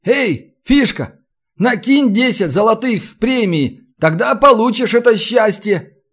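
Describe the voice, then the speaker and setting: A man voicing a boisterous, mocking brawler who haggles loudly over a captive. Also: high-pitched, lively intonation, slow pace, voice pushed up, heavily acted. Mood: haggling. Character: boisterous bargaining male brawler, Belarusian.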